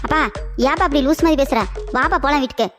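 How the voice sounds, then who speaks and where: Woman voicing a little cartoon boy, whiny, pleading, tattling, high voice. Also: fast talker, faint music behind, lightly acted. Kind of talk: animated cartoon voice acting.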